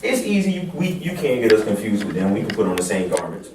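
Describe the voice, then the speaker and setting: A man with a fairly low voice hosts a casual religious discussion, talking fast and very animatedly as he drives his points home with emphasis. The room is echoey and noisy, with the mic set at a distance.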